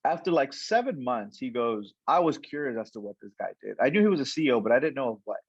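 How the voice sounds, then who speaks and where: A young man appearing as a guest, who works as a coach, tells a story in relaxed interview conversation, acting out what people said and frequently restarting his sentences. His medium-pitched voice moves quickly with a breathy edge, recorded without echo but with dull audio.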